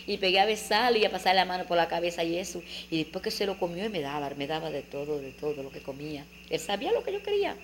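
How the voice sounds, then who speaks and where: A woman's voice: fairly low pitch, fast talker, hardly any pauses, slight background noise. Older woman telling old stories. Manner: animated, vivid storyteller who acts out family dialogue. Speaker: interviewee. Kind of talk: storytelling childhood memories.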